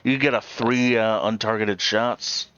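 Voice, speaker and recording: Patient low-voiced man explaining a game. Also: fairly even intonation, a little slow, fairly bright tone, smooth, muffled recording. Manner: explanatory, hesitant with many ums, patient. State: tired, awake since early morning. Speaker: co-host guiding a friend's game. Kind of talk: casual let's play chat.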